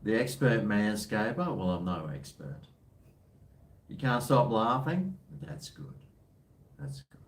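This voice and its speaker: A man's voice: lowish voice, sing-song, slow pace, long pauses. A man with a broad New Zealand accent, co-hosting in casual, slangy banter. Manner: blokey, slangy. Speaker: co-host of a casual show. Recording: roomy, distant from the mic.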